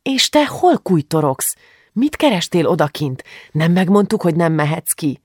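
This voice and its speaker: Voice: mid-range voice, very animated, a little mellow, breathy edge, no room sound, studio quality, pitched above the performer's own voice. A reader voicing an irritable teenage older sister who scolds with exasperation in an audiobook. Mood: scolding.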